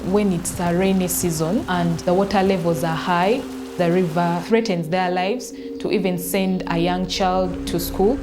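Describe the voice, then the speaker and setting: A woman from a community speaking slowly and haltingly in a documentary interview. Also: on the low side, fairly even intonation, noisy background.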